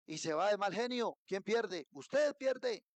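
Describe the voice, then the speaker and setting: A middle-aged Colombian man preaching a sermon as pastor, rising to emphatic peaks and dropping to quiet asides. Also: sits high, expressive, takes it slowly, dry recording. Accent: Colombian Spanish. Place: church.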